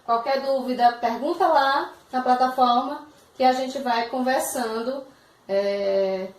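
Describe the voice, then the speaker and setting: A Brazilian woman teaching English in a recorded video lesson, patient and checking often that her students follow. Her voice sits high. The sound is roomy and echoey, and she is set a little back from the microphone. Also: takes it slowly, far from the mic. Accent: Brazilian Portuguese.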